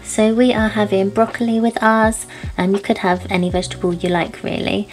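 A young woman from the United Kingdom talking casually through a cooking vlog in her home kitchen, relaxed and chatty, with filler words as she goes. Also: medium pitch, brisk, soft background music. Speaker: vlogger. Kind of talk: casual cook-along vlog.

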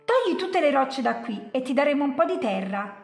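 A woman's voice: high-pitched, very animated, a little fast, roomy sound, soft background music. A woman playing a rude lazy monster. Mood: scornful. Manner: snaps insults and orders. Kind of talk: storybook read-aloud.

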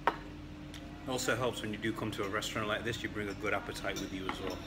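A man's voice: on the low side, steady tone, fairly quick, very noisy. A man in his thirties hosting a casual food review at a restaurant table, chatty and enthusiastic. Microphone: camera on table. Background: loud background music.

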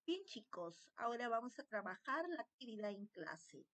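A woman teacher giving a slow, patient slide lesson to children, often checking in with the class. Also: a little high, very animated, fairly bright tone.

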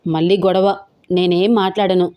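A woman's voice: fairly low pitch, little pitch movement, moderate pace, mellow, natural voice. A woman doing a shy, pouty young girlfriend. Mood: hesitant. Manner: hesitant, pouting. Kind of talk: audio story character voicing.

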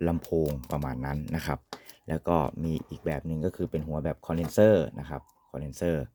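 A man's voice: rumbling low, flat delivery, quick pace, dark tone, a little hiss or hum. A man giving an informal, polite product demonstration as an equipment reviewer, often ending phrases with courtesy particles.

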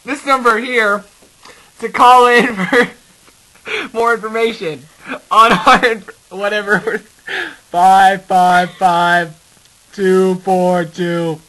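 A teenage boy goofs around hosting a homemade cooking video in his home kitchen, joking, giggling and often bursting into laughter in goofy casual chat. His voice sits high, pushed and bright, slow with little pitch movement, and the laptop webcam mic gives poor audio.

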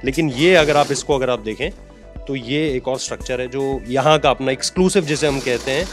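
A man's voice: medium pitch, a little fast, soft background music. A man in his thirties hosting a video, explaining things at length with many restarts while holding a handheld mic in a workshop courtyard. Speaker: video host. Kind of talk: explanatory walk-through interview.

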